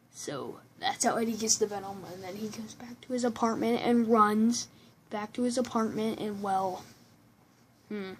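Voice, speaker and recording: A woman's voice: on the high side, a little hiss or hum, poor audio. A woman giving a casual, rambling movie review at home, often restarting sentences and breaking into giggly asides. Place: room at home with a computer behind her.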